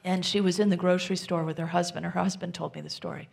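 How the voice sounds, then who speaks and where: A woman minister giving a gentle, reflective sermon, often dropping to a soft near-whisper. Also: lowish voice, steady tone, fast talker, vocal fry.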